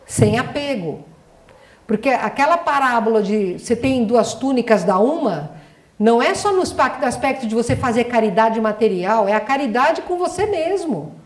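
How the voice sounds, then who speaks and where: Her voice sits high with a darkish quality as this middle-aged doctor gives a spiritual lecture. Emphatic throughout, she questions the audience rhetorically in a hall that echoes.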